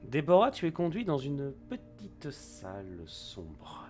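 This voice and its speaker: A man's voice: on the high side, huge pitch swings, takes it slowly. Male game master narrating over music. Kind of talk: improvised narration of a tabletop role-playing game. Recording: music behind the voice.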